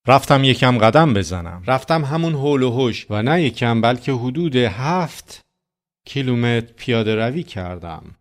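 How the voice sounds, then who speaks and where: Male preacher, mid-pitched, earnest conversational storytelling sermon.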